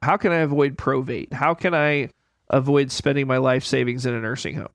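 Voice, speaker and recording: A man's voice: medium pitch, steady tone, brisk, dry recording, studio quality. A man giving financial advice on a radio show, plain-spoken and folksy, repeating his key points. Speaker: financial advisor guest. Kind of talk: conversational expert explanation.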